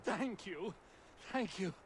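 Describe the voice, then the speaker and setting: An actor playing a polite, grateful colonial woodworker in a video game, speaking in formal period phrasing. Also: male voice, high-pitched, animated, slow pace, a little hiss or hum. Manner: courteous, formal period speech.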